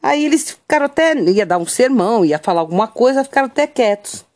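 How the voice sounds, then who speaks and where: A woman with a Brazilian Portuguese accent telling a family story in a casual, unhurried way, often checking in with tag questions. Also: a little high, animated, a little mellow. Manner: unhurried, keeps adding "né?" tags.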